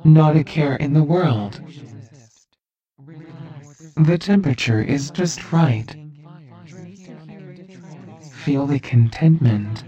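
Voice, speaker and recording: A speaker guiding a hypnosis meditation with slow, soothing, repetitive instructions. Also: medium pitch, warm tone, distant mic, muffled recording.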